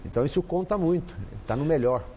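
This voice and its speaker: A man's voice: a little high, expressive, fast, lo-fi sound, slight background noise. A man with a Brazilian accent, a football coach guest chatting casually on a TV panel, rambling and repeating himself with lots of fillers. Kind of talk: casual studio chat.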